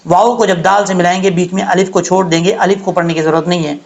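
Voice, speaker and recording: A man's voice: sits high, steady tone. A man teaching Quran recitation rules, explaining each letter patiently and step by step.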